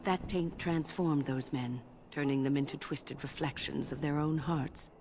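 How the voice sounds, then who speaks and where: An actress playing a wise female mage in a video game, explaining lore in a measured, solemn way. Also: low-pitched, fairly even intonation, slight background noise. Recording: game audio with loud music behind.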